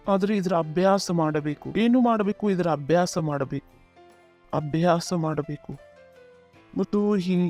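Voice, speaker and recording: A man's voice: high-pitched, warm tone. A male pastor preaching a sermon, often calling out "Praise the Lord" and asking the congregation to repeat after him.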